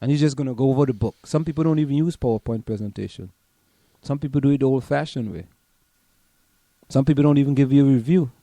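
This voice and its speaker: A man's voice: medium pitch, fast, mellow, dry recording. A man, a professor co-hosting an online radio show, talking emphatically and repeating words as he thinks aloud. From Trinidad and Tobago. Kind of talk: casual radio chat.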